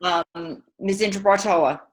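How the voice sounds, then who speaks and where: A woman's voice: mid-range voice, unhurried. A woman mayor chairing a council meeting over a video call, briefly thanking and calling on speakers.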